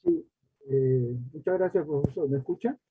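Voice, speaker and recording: A man's voice: fairly high pitch, big pitch swings, moderate pace, slight background noise. A man taking part in an online class, reading aloud carefully and a bit hesitantly over a video call. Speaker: course participant. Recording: tinny online call audio.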